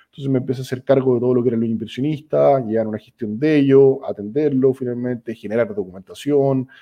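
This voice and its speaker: A young Chilean man with a Chilean accent, a startup co-founder talking casually as a guest, halting and restarting his sentences often. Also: medium pitch, lo-fi sound. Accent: Chilean Spanish. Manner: relaxed, halting, many restarts and fillers. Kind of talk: casual conversational interview.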